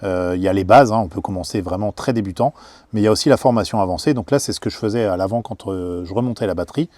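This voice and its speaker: A man with a fairly low voice explains things in a relaxed vlog style. He talks hesitantly and often pauses on filler sounds as he goes. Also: no echo. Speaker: travel vlogger. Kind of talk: casual explanation.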